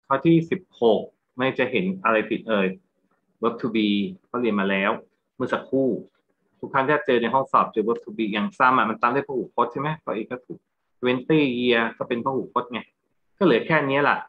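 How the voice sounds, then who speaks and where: A man's voice: medium pitch, normal speed, phone-quality sound. A Thai-accented man teaching English grammar in a lecture, going through exam answers and checking understanding with rhetorical questions.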